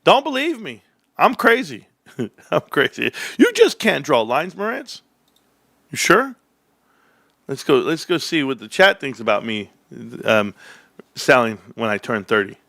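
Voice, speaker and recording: A man in his forties hosting a casual stock livestream, calling his viewers "bros" and "guys". He jumps into high, hyped bursts, then drops to low muttering. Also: big pitch swings, a little slow, creaky, long pauses, bright, forceful tone, no echo, studio quality. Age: 40s.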